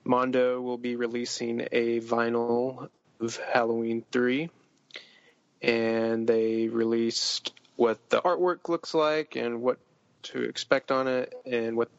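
Dry lo-fi man asking halting questions. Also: medium pitch, vocal fry, dry recording. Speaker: podcast host. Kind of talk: casual chat. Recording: dry, dull lo-fi sound.

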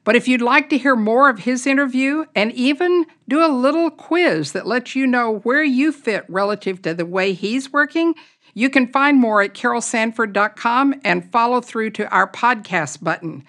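A woman's voice: fairly high pitch, expressive, moderate pace, fairly bright tone. Methodical woman hosting a podcast. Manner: methodical, lays out ideas step by step. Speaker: podcast host. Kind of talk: explanatory podcast monologue.

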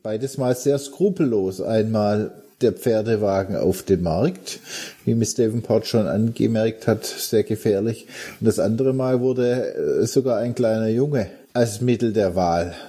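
A man playing a formal, shrewd Victorian gentleman investigator who speaks in a courtly, measured way. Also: on the low side, slightly rough. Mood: composed.

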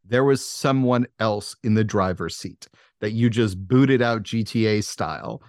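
A man narrating a tabletop game as game master, setting scenes in a dramatic, deliberate way. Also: lowish voice, darkish tone, no echo, studio quality.

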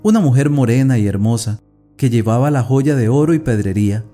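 A man's voice: medium pitch, expressive, fairly quick, warm tone, soft background music, natural voice. A man voicing a young woman who is obsessed and tormented, speaking a feverish, brooding monologue in an audiobook reading of a classic tale.

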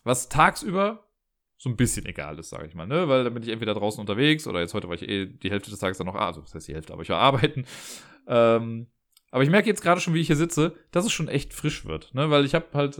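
A man's voice: medium pitch, lively intonation, fast. A man telling a story in a chatty, exasperated rant from his living room, often tagging his sentences with a questioning "ne?".

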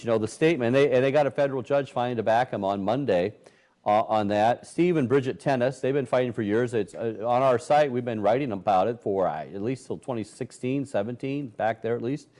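Indignant middle-aged man, dark voice. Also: medium pitch. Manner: indignant, animated, acts out quoted voices. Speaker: host. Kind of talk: conservative news talk. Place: Michigan.

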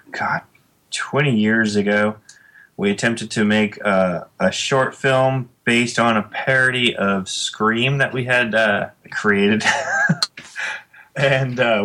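A comic book creator in his late thirties rambles casually as a podcast guest, using lots of fillers. His voice is fairly low in pitch but sounds pushed and bright.

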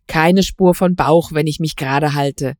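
A woman's voice: sits low, fairly even intonation, measured pace, darkish tone, no room sound, studio quality. A woman reading aloud voices a grumpy, touchy middle-aged male musician who sulks and flares up when needled. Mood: grumbling.

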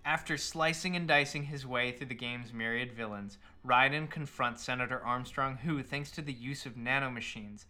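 A man's voice: mid-range voice, normal speed, hardly any pauses, bright, forceful tone, soft background music. A man hosting a podcast, telling a story in a partly scripted, casual, irreverent and emphatic way, with some swearing. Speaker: podcast host.

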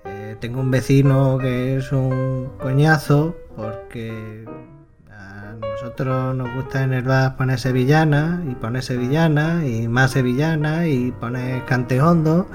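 A performer playing a fed-up bar owner who complains in a slow, weary way in a comedy sketch. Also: mid-range voice, steady tone, close to an everyday voice. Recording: music playing behind.

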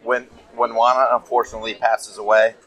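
A man's voice: mid-range voice, level tone, a little fast, a crowd in the background, poor audio. A man who owns a cigar company, guesting on a casual podcast and telling teasing stories. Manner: teasing storyteller. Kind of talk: casual chat. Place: cigar lounge.

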